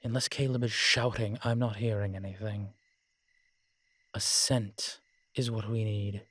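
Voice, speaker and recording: Clean studio sound with no room tone carries a man's lowish, level, a bit bright voice as he speaks unhurriedly. He portrays an ancient, proud, world-weary vampire in one-sided roleplay drama, wry and haughty with old-fashioned fancy wording, grumbling and watchful.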